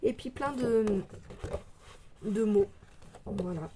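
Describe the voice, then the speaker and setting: A woman with a soft, mellow voice talks through a craft haul in a chatty, meandering way. She hesitates often and fills gaps with small sounds, sometimes slowing down to read phrases aloud. A faint hiss sits under her voice from a phone mic. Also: a little high, lively intonation. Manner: chatty, hesitant, many fillers, reads labels aloud slowly. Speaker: scrapbooking vlogger. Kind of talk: casual show-and-tell haul.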